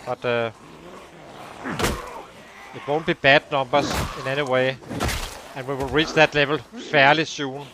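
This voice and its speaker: A man's voice: mid-range voice, flat delivery, a little slow, long pauses, noisy background. A man hosting a let's play, thinking aloud as he works through the numbers behind his progress. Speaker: gaming channel host.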